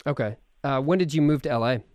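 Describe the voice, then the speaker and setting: A man's voice: medium pitch, fast talker, a little mellow, no echo. A man hosting a podcast, chatting casually and rambling with many fillers. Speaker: podcast host.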